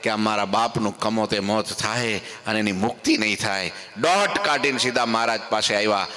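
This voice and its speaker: Male preacher, bright forceful tone, animated devotional storytelling that leaps up in pitch. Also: normal speed. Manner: animated, rises high on emphasis and acts out quotes.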